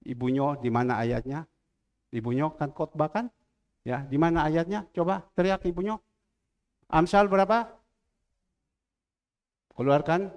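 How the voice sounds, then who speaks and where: A man preaching a sermon from the pulpit with an Indonesian accent from Surabaya, telling stories and acting out the dialogue in quoted voices, sometimes rising to loud preaching. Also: fairly high pitch, fairly even intonation, measured pace, long pauses. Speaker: pastor. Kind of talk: sermon with storytelling. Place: large church hall. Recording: reverberant church hall.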